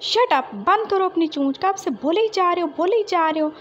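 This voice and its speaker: A woman's voice: high-pitched, lively intonation, normal speed, lo-fi sound. A woman voicing a stern, impatient male police officer who scolds and snaps in exasperation. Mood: angry. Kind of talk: fan fiction storytelling.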